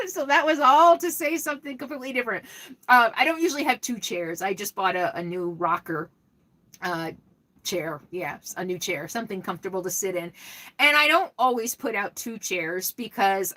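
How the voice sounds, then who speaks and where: Chatting loosely on a live stream, a middle-aged woman takes viewers' questions in a meandering way, frequently starting sentences over. Her voice is loud, carries well, and sits on the high side.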